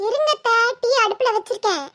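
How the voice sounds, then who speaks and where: A woman voicing a fiery young village mother with a Tirunelveli Tamil accent, quick to quarrel and scold, in a cartoon. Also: extremely high pitch, lively intonation, a bit bright, dry recording, soft background music. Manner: combative, scolding. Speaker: daughter-in-law. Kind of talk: cartoon voice acting.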